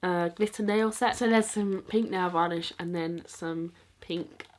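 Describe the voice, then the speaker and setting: A 22-year-old woman with a nasal voice, chatting excitedly and rambling a little as she shows off her presents. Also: lowish voice, unhurried. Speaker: vlogger. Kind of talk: casual chat showing gifts.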